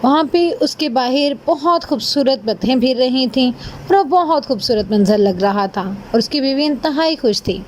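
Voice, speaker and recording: A woman narrating a fairy tale for children in a gentle, expressive storytelling manner. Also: sits high, slight background noise.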